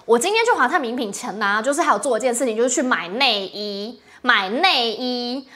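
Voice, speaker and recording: A woman's voice: a little high, animated, a little fast, pushed and bright. A young adult woman with a Taiwanese Mandarin accent, hosting a casual livestream, chatty and rambling, laughing often and greeting viewers' comments. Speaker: livestream host.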